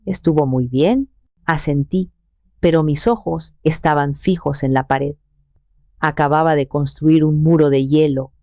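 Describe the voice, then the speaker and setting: Low, cold-voiced woman narrator. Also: no echo. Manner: even, cold and controlled. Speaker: story narrator. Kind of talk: scripted first-person drama narration.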